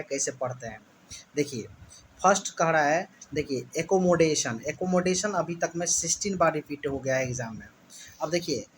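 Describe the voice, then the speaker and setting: A man's voice: on the high side, slight background noise. Hindi-speaking man teaching spelling drills. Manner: repetitive, drills syllables aloud. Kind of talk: exam spelling lesson.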